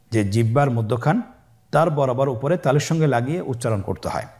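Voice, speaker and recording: A man teaching beginners the Arabic letters in a recorded lesson, calmly saying each letter sound and pausing for students to repeat it. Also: medium pitch. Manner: slow, patient call-and-repeat drilling; stretches letter sounds long. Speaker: Quran teacher.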